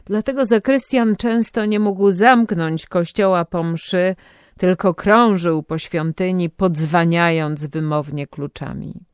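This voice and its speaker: A man narrating an audiobook in a measured, even storytelling manner. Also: fairly high pitch, clean tone, no room sound, studio quality.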